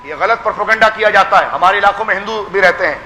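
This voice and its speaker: A pir with a Pakistani Urdu accent delivers a fervent religious sermon to a gathering, urging his listeners on and calling them his children. His voice is high and sharp, echoing in a large hall with a slight hiss or hum.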